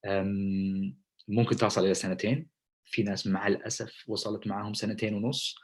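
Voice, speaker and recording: A man's voice: lowish voice, flat delivery, fairly quick, slightly rough. A man with a Saudi accent, a doctor giving an informal talk that switches between Arabic and English, hesitant, with many fillers. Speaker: presenting doctor. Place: Germany.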